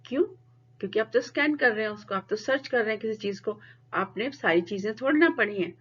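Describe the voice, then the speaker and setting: A woman teacher giving a lecture at a steady, mid pitch. She explains in Hindi mixed with English and slows right down to read English definitions. The recording is a little dull and lo-fi. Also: slightly rough. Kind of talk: classroom lecture.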